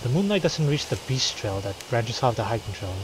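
A man playing through a game, reading its text aloud and reacting excitedly, swearing often. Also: mid-range voice, fairly quick, noisy background. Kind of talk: playthrough narration with reactions.

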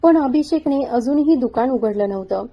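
Woman narrating a story, high voice. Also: lively intonation, normal speed. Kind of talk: first-person story narration. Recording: dull, lo-fi sound.

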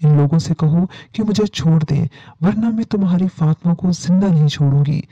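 A woman's voice: on the low side, dark tone, dry recording. A woman voicing an angry spirit that has possessed a young girl, speaking in a threatening way. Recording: dull lo-fi dry recording.

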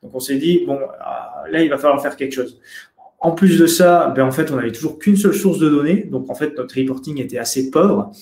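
A young man presents a webinar talk over slides on a video call, hesitating often with lots of fillers and restarts. His voice is on the high side, fairly quick and darkish, with vocal fry. The conference speaker is in an indoor room, and his webcam audio sounds roomy.

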